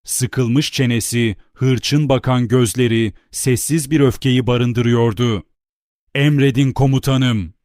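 A man reading a novel aloud as an audiobook narrator, in a steady, deliberate storytelling manner. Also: medium pitch, no echo, clean studio sound.

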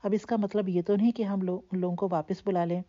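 A woman's voice: mid-range voice, steady tone, dark tone, dull audio, close to an everyday voice. Woman reading as a playful, affectionate young man. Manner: light, playful, soothing.

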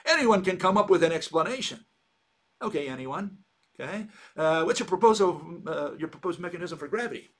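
A man's voice: sits high, lively intonation, brisk, fairly bright tone. A man hosting a sardonic monologue, rambling and mocking, with many hesitations and restarts. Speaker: channel host.

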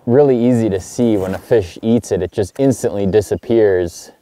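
Brief: middle-aged male fishing host, low mellow voice, easygoing outdoor how-to. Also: moderate pace. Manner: relaxed, upbeat, excited exclamations when fish bite. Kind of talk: casual on-the-water fishing tutorial. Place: outdoors on a kayak on a small lake.

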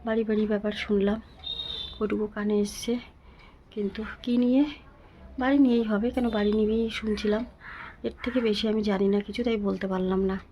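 A woman vlogging from home to her viewers, talking in a weary, pleading, soft way with a sore throat. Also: medium pitch, steady tone, brisk, pauses often, slight background noise. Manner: weary, pleading, speaks softly. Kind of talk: casual vlog talk to viewers.

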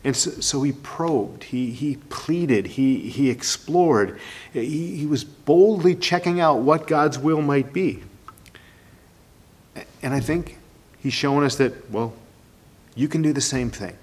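A man's voice: mid-range voice, takes it slowly, breathy edge. A male pastor delivers a sermon in an earnest, exploratory way. His voice sits in a middle range, and he often doubles his words as he works his thoughts out aloud.

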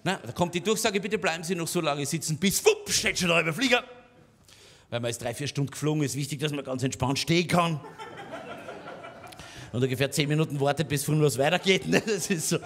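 A man's voice: on the high side, lively intonation, brisk, long pauses, a bit bright. A man with an Austrian accent performing a stand-up cabaret monologue, chatty and conspiratorial, with frequent tag questions. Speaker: cabaret comedian.

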